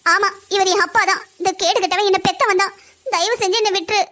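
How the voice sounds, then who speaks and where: Figure: young wife and daughter, cartoon voiced by a woman. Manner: pleading, tearful, desperate. Pitch: very high. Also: steady tone, quick pace, bright, forceful tone. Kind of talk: cartoon story voice acting.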